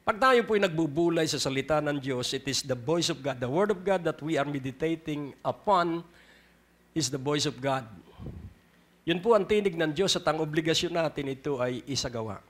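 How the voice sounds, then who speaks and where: A Filipino man with a Filipino accent preaching a sermon, repeating key lines and switching between Tagalog and English, dropping to a hush and then rising to loud emphatic bursts. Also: a little high. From Philippines. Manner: swings from hushed to loud emphatic outbursts. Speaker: pastor. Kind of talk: sermon with prayer.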